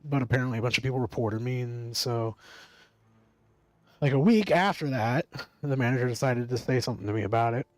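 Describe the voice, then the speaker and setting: A man's voice: mid-range voice, fairly quick, no echo, low-quality recording. A man chatting casually on a stream, rambling and swearing freely with frequent laughs. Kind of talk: casual chat.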